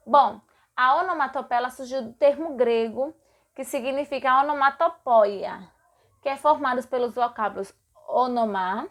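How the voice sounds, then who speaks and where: A woman teaching a lesson, repeating words and acting out sound effects. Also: sits high. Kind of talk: explanatory lesson.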